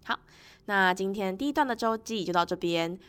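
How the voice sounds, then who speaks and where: A woman with a medium-pitched voice hosts a casual solo podcast. She talks in a chatty, personal way and voices her reactions expressively as she tells things. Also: normal speed, fairly bright tone, clear, resonant tone. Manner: laughs often while talking. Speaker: podcast host.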